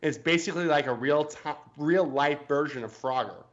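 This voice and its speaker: A man co-hosting a casual sports podcast, his voice sitting a little high. He talks in a hesitant, joking way, often restarting his sentences. The recording sounds dull and lo-fi. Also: normal speed. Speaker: podcast co-host.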